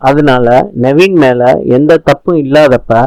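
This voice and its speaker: A man's voice: medium pitch, unhurried, a little mellow, a little hiss or hum, natural voice, rough recording. A man reading a pleading young woman student. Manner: pleading, earnest.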